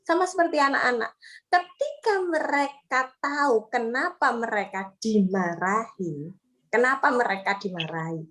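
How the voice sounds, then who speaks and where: A young woman giving a lively parenting seminar talk and acting out quoted parents and children. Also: on the high side, measured pace. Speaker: parenting speaker.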